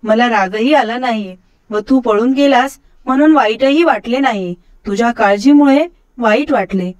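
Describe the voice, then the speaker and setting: A woman voicing a loving, gentle mother who softly reassures her young son in a storybook reading. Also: on the high side, a little slow, lo-fi sound, natural voice. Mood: tender.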